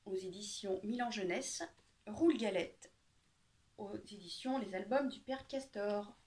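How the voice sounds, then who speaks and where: A woman reading a children's picture book aloud with lively, expressive storytelling. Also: mid-range voice, unhurried.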